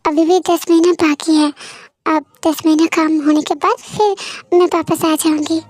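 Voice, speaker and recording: A woman's voice: extremely high pitch, fairly even intonation, normal speed, a little mellow. A woman voicing a caring, dutiful young adult daughter who soothes and pleads with her worried parents in an amateur fan audio drama.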